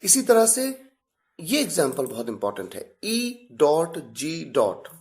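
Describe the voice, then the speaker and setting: Slow, lively Indian English teacher. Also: male voice, on the high side. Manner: spells out examples slowly, lively intonation. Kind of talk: slow explanatory lesson.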